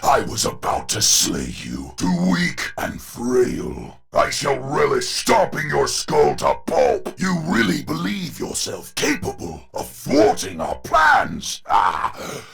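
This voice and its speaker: General Martin Cross, gravelly, wildly animated villain. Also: male voice, medium pitch, heavily acted. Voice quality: gravelly, forceful. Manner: pompous, theatrical, contemptuous. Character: ruthless megalomaniac male general, villain scornful of humanity. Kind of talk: dramatic video game villain acting.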